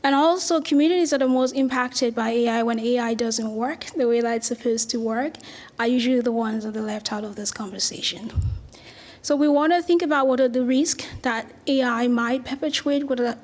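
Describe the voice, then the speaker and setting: A woman's voice: a little high, brisk, darkish tone. A middle-aged woman from Cameroon, giving an earnest academic lecture with slides and small restarts. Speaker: researcher giving a talk.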